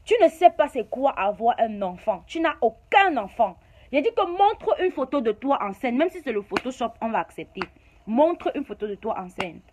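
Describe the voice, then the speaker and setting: Cameroonian French woman, high voice, confrontational vlog rant, repetitive scolding jabs. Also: big pitch swings, normal speed, a little mellow. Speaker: YouTuber.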